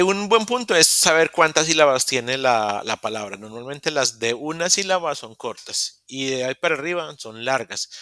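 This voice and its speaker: A male teacher speaks into a video call with a bright, forward tone and a close, completely dry sound. He explains patiently, breaks off and corrects himself mid-sentence, then carries on. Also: a little high, smooth, no room sound. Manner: explains step by step with many restarts and self-corrections. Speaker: English teacher. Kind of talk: live online class explanation.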